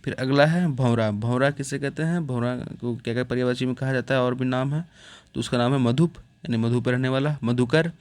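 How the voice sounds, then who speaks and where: A man's voice: medium pitch, smooth, no echo. Man teaching from a word list. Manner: steady listing, pausing after each word. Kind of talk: reading out a word list in a lesson.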